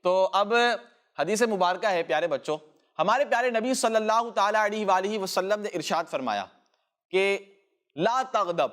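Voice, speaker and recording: A man with a fairly high voice hosts a children's program, teaching a short lesson. He speaks patiently and repeats each phrase so that the children can echo it back. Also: expressive, fairly bright tone. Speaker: children's show host.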